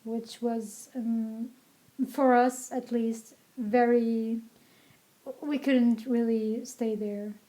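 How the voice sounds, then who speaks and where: A woman in her twenties, from Syria, co-hosts a relaxed podcast conversation. Her voice sits a touch high with a soft, mellow tone. She talks freely and laughs easily. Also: very slow. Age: 20s. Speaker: podcast co-host. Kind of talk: casual chat.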